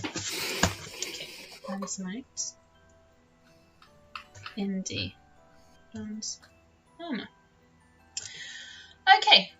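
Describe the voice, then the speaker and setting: A woman's voice: medium pitch, lively intonation, very slow, long pauses, sharp tone, soft background music, low-quality recording. A woman acting as game master, narrating a tabletop role-playing game in a casual, playful, informal way.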